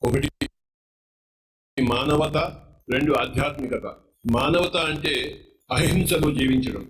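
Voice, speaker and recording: A man's voice: fairly high pitch, unhurried. A man preaching a sermon to a large gathering as a spiritual teacher, blunt and emphatic, repeating his points and asking rhetorical questions. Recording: echoey, roomy sound.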